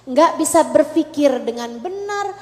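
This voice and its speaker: A woman's voice: high-pitched, animated, measured pace. A woman preacher giving a conversational sermon to women, acting out heartfelt prayers in between. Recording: echoey hall with long reverb.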